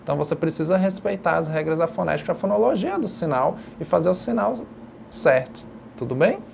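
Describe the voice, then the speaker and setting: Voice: medium pitch, animated, a little fast, vocal fry, a little mellow, a little hiss or hum. A sign language teacher giving a recorded distance-learning lecture, explaining patiently and step by step while demonstrating signs. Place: educational video studio.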